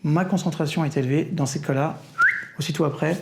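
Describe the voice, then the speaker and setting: A man coaching viewers directly in a familiar, insistent way, often checking in with a quick question. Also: fairly high pitch, fairly even intonation, creaky, background noise. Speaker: concentration coach. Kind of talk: direct-to-camera coaching talk. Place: indoor room with a painting beside him.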